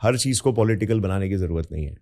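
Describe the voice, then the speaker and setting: A young man hosting a podcast, soft-spoken and attentive, often murmuring agreement as he chats casually. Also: low voice, animated, fast talker, gravelly. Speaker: podcast host. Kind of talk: casual interview chat.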